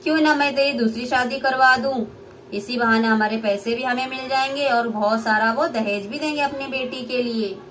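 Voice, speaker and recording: A young woman voicing a harsh, greedy older mother-in-law in a puppet play, shrill and scolding. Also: normal speed, fairly bright tone, slight background noise, natural voice. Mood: scheming.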